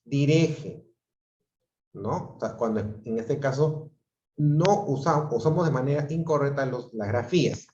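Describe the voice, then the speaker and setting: A man's voice: mid-range voice, moderate pace, darkish tone, a little hiss or hum. Male teacher lecturing online. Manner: explanatory, asks the class frequent checking questions. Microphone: computer mic on a video call. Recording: dull, roomy video-call audio.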